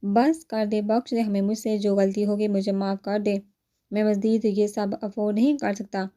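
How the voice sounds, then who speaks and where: A woman's voice: medium pitch, level tone, mellow, natural voice. A woman voicing a furious young man. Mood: angry. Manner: stern, threatening. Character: furious young man warning his mother.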